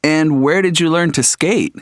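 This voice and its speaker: A man's voice: fairly high pitch, a little slow, no echo, clean studio sound, lightly acted. An actor playing a friendly young man who is new to skating and chatty in a scripted textbook dialogue. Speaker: travel agency computer worker.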